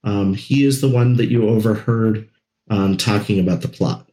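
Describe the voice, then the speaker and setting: A man's voice: lowish voice, moderate pace, reverberant, low-quality recording. Easygoing man running a tabletop game. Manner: relaxed, with frequent "um" and "uh". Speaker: game master.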